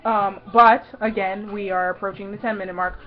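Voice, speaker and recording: A woman vlogger telling a personal story in an excited, gushing way, full of "like" and "y'all". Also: medium pitch, normal speed. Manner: gushing, breathless, lots of "like" and "y'all". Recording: dull lo-fi recording.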